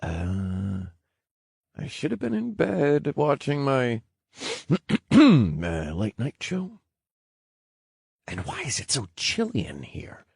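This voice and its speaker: A man voicing a sarcastic, exasperated young man in an audiobook, speaking loud and much higher than his narrating voice. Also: wildly swooping pitch, takes it slowly, gravelly, pauses often, breathy edge, dry recording, heavily acted. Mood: groggy. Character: sarcastic young man trapped in a strange room. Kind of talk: audiobook character voice.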